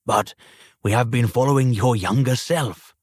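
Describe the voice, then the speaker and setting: A man's voice: medium pitch, moderate pace, darkish tone, breathy edge, no echo, clean studio sound, pitched above the performer's own voice, lightly acted. A man voicing Scrooge, an old man, anxious and questioning, in an audiobook reading.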